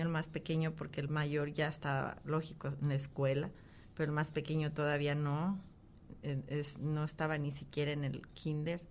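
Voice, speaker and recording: A woman in her thirties, an interview guest, giving an emotional, halting personal testimony. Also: low voice, darkish tone.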